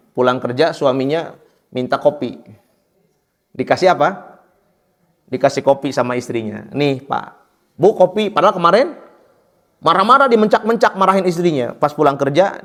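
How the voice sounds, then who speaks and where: Man, mosque lesson, slightly high voice, jokes and quizzes listeners. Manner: joking, asks the audience questions. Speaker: Islamic teacher.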